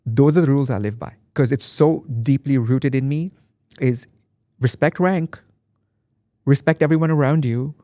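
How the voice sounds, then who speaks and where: A man from Dubai, appearing as a guest artist on an interview podcast, speaks reflectively and with emphasis, often repeating phrases. His mid-range voice is warm and at normal speed. The conversational interview is recorded dry with clean studio sound.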